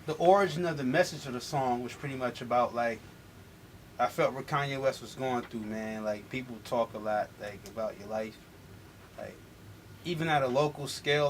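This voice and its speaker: A young adult man from Milwaukee, a rapper being interviewed, who talks loosely with slang and frequent restarts. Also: medium pitch. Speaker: rapper guest. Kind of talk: casual interview chat. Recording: faint background noise.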